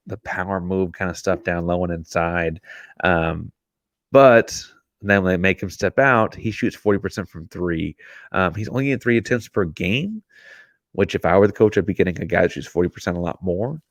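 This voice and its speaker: Man, very low voice, podcast host, casual sports analysis, dry sound. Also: no echo. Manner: thinking aloud with frequent ums and uhs.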